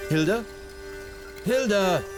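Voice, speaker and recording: Geron, a gentle young outcast. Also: male voice, high voice, expressive, slow pace, over music. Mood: curious. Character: young man, an outcast bird catcher, earnest and gentle. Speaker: game protagonist. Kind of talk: voiced video game dialogue.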